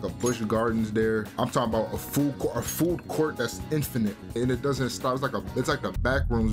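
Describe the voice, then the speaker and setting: A man hosting a let's play, talking casually in a rambling, slangy way. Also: mid-range voice. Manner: rambling, slangy, keeps saying "bro". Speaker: gaming channel host. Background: game music.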